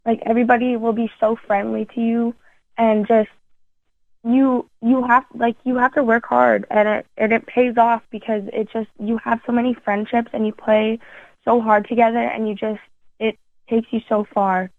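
A woman's voice: a little high, flat delivery, normal speed, dry recording. A teenage girl athlete being interviewed, talking eagerly with many fillers and restarts. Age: teens. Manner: enthusiastic, lots of fillers and restarts. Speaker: youth athlete guest. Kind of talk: phone interview. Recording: tinny phone line, dry.

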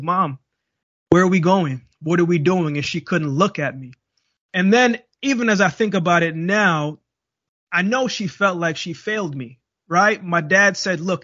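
A man's voice: fairly high pitch, sharp tone, no room sound, lo-fi sound. A young man from Jamaica, a guest speaker, telling his life story and acting out the dialogue. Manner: vivid storyteller, acts out dialogue. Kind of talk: storytelling interview.

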